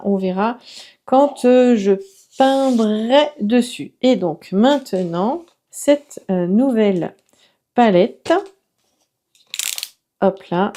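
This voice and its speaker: A woman chatting casually to her viewers as she unboxes art supplies, enthusiastic and exclamatory, often pausing to search for words. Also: medium pitch, dark tone, slight background noise. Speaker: watercolour artist and video host.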